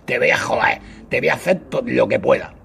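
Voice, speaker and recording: A man's voice: mid-range voice, fairly quick, vocal fry, a bit bright, slight background noise. A man vlogging a crude, angry rant, mocking his rivals with whiny impersonations. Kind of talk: angry ranting monologue.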